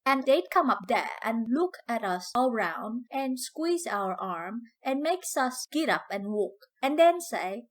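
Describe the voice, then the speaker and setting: A female reader plays an older freedwoman from the US South, using a higher-pitched, unhurried, sing-song voice in an emphatic, dramatic storybook dialect. The character comes across as proud and fiery, yet grieving.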